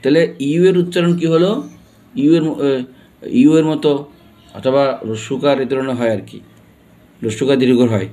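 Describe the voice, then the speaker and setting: In this classroom lesson, a man with a Bangladeshi accent teaches pronunciation, spelling words out letter by letter and repeatedly questioning his students. His mid-range voice is steady and warm, delivered at a normal speed with long pauses.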